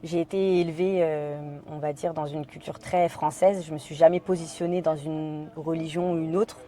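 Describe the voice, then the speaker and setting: A woman's voice: sits low, fairly even intonation, moderate pace, dark tone. A woman from France, a podcast guest, telling a personal story in conversation, hesitant with many fillers and quoting her own inner thoughts.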